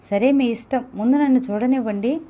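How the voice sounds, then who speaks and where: A woman voicing a calm, lightly amused male chauffeur in an audio novel, steadying a frightened passenger. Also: on the high side, brisk, close to an everyday voice.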